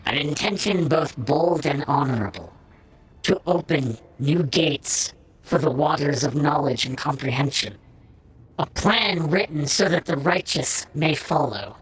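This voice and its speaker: Rough-voiced dying machine priest, slow and spooky-solemn. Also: male voice, fairly high pitch, expressive, heavily acted, poor audio. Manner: slow, solemn, prophetic speech. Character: dying delirious cyborg tech-priest, cryptic and solemn.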